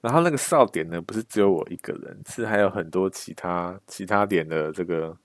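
A man's voice: low voice, brisk, dry recording, studio quality. A young man, casually telling a story with lots of restarts and slang.

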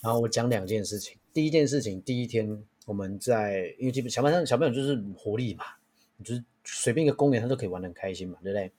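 Man, Taiwanese Mandarin accent, young adult, podcast host, casual chat, husky, rapid, full of restarts. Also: lowish voice. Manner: lively storyteller with many restarts and fillers.

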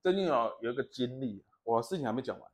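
A man's voice: medium pitch, expressive, quick pace. A man, hosting a casual podcast chat and telling rambling stories that he laughs at himself. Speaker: podcast host.

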